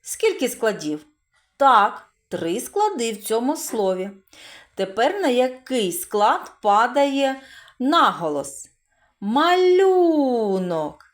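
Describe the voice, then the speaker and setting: A woman's voice: a little high, very animated, slow, fairly bright tone. A woman teaching preschoolers a letter, encouraging them with praise and drawing out sounds and syllables for them to repeat. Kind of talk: slow, expressive children's literacy lesson.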